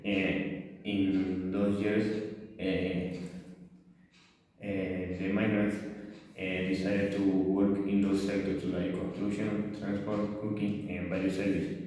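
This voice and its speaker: Young Spanish-speaking man, low and flat, presenting haltingly with many fillers and restarts, heard from far off in a roomy space. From Venezuela. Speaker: language student presenting. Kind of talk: class presentation. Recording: distant, echoey room.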